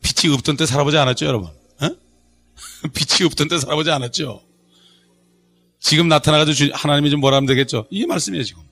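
A man's voice: on the high side, fast, a bit bright, slightly rough. A middle-aged male pastor preaching a Bible study sermon, quizzing the congregation and joking with them. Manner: call-and-response preaching, asks the congregation questions; jokes and laughs with the congregation.

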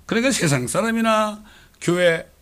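A Korean pastor with a Chungcheong accent, preaching a sermon full of rhetorical questions and emphatic outbursts. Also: male voice, high voice, animated, normal speed, a bit bright.

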